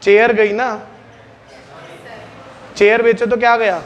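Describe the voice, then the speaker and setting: A man teaching a classroom lesson, drilling his students with quick questions and getting them to answer out loud. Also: high-pitched, flat delivery, muffled recording.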